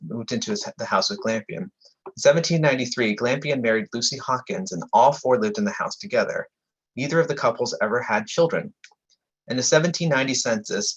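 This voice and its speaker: A man's voice: on the low side, fairly bright tone, husky. A man giving a history lecture, reading from prepared text and often correcting himself, at times talking over sirens. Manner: reads prepared text with frequent stumbles and self-corrections. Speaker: lecturer presenting a book on historic buildings. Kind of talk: slide-illustrated history lecture. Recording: slightly dull, muffled audio with passing sirens.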